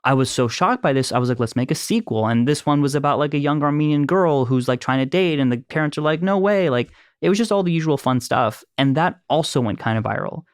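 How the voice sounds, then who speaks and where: Speaking fast and smoothly with few pauses, this thirtysomething man has a slightly high voice captured cleanly in a studio with no echo. He's a filmmaker and producer from Los Angeles, an animated storyteller who laughs readily through a relaxed conversation.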